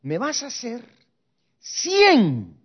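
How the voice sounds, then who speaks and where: A man's voice: extremely high pitch, huge pitch swings, very slow, slightly rough, voice pushed up, heavily acted. Stern schoolteacher, as a male preacher puts him on. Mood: scolding. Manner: scolding. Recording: muffled lo-fi recording.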